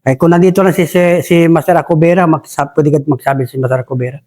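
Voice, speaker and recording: A man's voice: on the high side, fast talker, a little mellow. A man from Basilan, a retired soldier, telling a war story in a rambling way and addressing the host as "Sir" over and over. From Basilan, Philippines. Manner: respectful, says "Sir" constantly, rambling with restarts.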